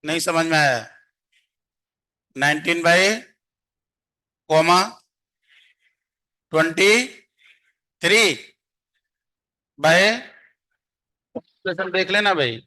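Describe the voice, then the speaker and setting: High, bright-voiced math teacher. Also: male voice, extremely slow, long pauses. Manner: coaxing, quizzes students constantly. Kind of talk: classroom lecture.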